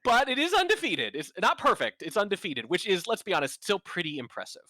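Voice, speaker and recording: A man's voice: sits high, big pitch swings, brisk, pushed and bright, no echo. A man co-casting a video game match, chatty and sarcastic, joking as he breaks down the players. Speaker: co-caster. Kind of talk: esports commentary.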